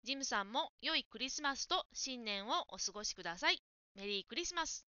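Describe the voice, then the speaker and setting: A woman tutor gives gentle, recorded feedback to her student, patiently modelling the right pronunciation. Her voice is high, bright and smooth. The recording is dry and a touch muffled. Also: animated, fairly quick, no echo.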